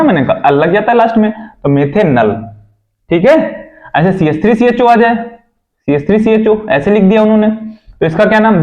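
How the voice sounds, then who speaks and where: A man's voice: sits high, a little mellow, highs cut off. A young man teaching a chemistry lesson, checking in with his students often and repeating his own questions.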